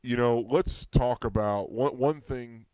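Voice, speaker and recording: A man's voice: mid-range voice, a little slow, darkish tone, clean tone, no echo, low-quality recording. A man hosting a fishing radio show, steering the casual talk with easygoing prompts. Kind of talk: casual chat.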